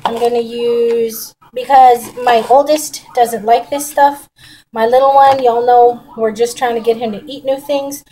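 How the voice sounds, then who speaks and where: This is a casual cooking demonstration from a middle-aged woman who vlogs about home cooking, chatting folksily in her own kitchen while a nearby camera on the counter records. Her voice leans high and mellow, with fairly even intonation and an unhurried pace, though the audio is poor.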